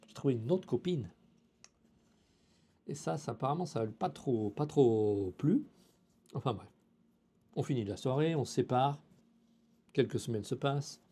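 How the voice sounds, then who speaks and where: Mellow, husky French storyteller man. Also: mid-range voice, measured pace, long pauses. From France. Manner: animated, acts out dialogue, drops in Japanese phrases. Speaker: YouTuber telling a personal story. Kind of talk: casual storytelling.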